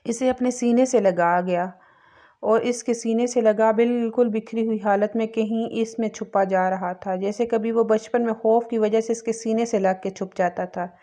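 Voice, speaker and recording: A woman narrating a romance novel aloud in a steady, emotive storytelling manner. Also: a little high, normal speed. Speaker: audiobook narrator.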